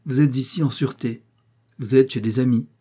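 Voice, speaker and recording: A man reading the part of a calm, assured detective's agent who explains things in a measured, reassuring way. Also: mid-range voice, husky, lightly acted.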